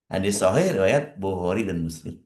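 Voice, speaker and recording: A man giving a morning religious study talk as a preacher, speaking conversationally to his listeners and emphatic and repetitive, with wide swings in pitch. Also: expressive, normal speed, a little mellow. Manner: conversational, addressing listeners directly. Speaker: Islamic preacher.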